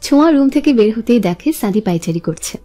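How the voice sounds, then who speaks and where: A woman narrates a romance in a smooth, steady reading voice. Her tone is high and mellow. Soft music plays under the narration. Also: fairly quick. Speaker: storyteller.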